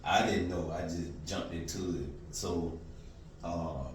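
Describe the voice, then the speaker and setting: A deep-voiced man in his 40s from Florida hosts a casual interview in an easygoing, slangy way, stretching out his fillers. The mic is distant in an echoey room, with faint background noise.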